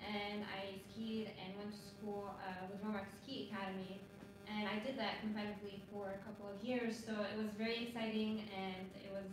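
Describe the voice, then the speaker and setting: A woman from Lebanon, a marathon runner on a panel, talking casually and haltingly with lots of fillers. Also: medium pitch, flat delivery. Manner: chatty, halting, many fillers. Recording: echoey, distant mic, noisy ambience.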